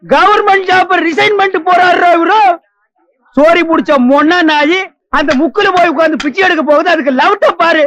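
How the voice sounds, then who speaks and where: An actor playing a sharp-tongued man who mocks beggars in an old film comedy scene, scolding and sarcastic. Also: extremely high pitch, fairly quick. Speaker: comic actor.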